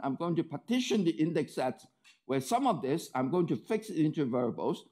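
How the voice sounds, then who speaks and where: A man's voice: on the high side, darkish tone. A man lecturing to an audience, explaining step by step, often checking in with "okay?" and "right?" and restarting phrases as he thinks. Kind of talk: academic lecture.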